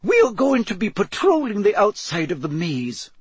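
A man voicing a brisk, stern female witch professor in an audiobook, giving instructions formally. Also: high voice, huge pitch swings, slightly rough, dry recording, pitched above the performer's own voice, heavily acted. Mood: brisk, serious. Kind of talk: audiobook character voice.

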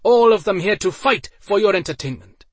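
A man voicing a flamboyant male arena master who hypes the crowd in a booming, theatrical voice. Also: lively intonation, normal speed, slightly rough, no room sound. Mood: hyped. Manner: booming, theatrical announcer cries.

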